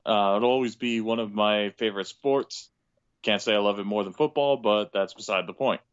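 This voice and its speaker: An American man co-hosting a sports podcast, chatting casually and haltingly, often repeating words. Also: on the low side, clear, resonant tone, dry recording, muffled recording.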